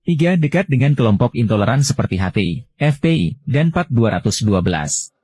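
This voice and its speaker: A man's voice: medium pitch, very animated, fairly quick, a little mellow, husky. A man reading out a numbered list in a narration style.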